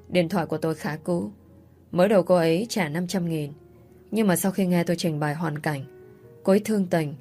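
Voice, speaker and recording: A woman's voice: lowish voice, mellow. A woman narrating a first-person story in a sorrowful, confessional way.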